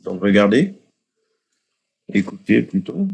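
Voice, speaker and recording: A man with a fairly low voice hosts a casual software tutorial. He talks the viewer through each step and often hesitates and restarts mid-sentence. He sounds like he is on a desktop mic. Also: big pitch swings, takes it slowly, gravelly, husky. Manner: hesitant, many fillers and restarts, addresses viewers directly. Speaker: tutorial host. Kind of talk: casual screen-recording tutorial.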